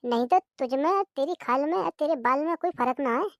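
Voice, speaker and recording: A woman's voice: high voice, a little fast, no echo, clean studio sound. A woman voicing a lazy, rude young husband in a cartoon comedy, mocking and insulting.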